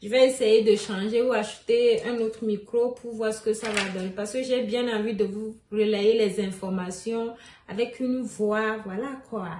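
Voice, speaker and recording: A woman's voice: on the high side, fairly even intonation, moderate pace, darkish tone, far from the mic. Chatty woman vlogger, echoey phone mic. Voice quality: crackly voice. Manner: chatty, laughs often, repeats key points. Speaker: immigration vlogger. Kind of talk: casual explainer vlog.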